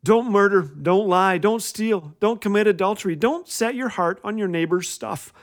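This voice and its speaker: This man has a high voice and keeps a moderate pace as he hosts a humorous inspirational radio show. In a wry, playful scripted monologue of comic stories, he acts out each quoted line.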